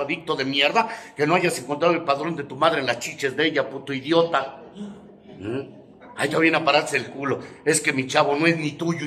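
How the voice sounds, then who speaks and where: A high-voiced man with a Mexican accent tells his story to a recovery group in a crude, joking way. He swears nonstop and now and then bursts into a shout. The sound rings around an echoey meeting room. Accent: Mexican Spanish. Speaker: speaker sharing his testimony at a recovery group. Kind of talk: profane testimonial talk.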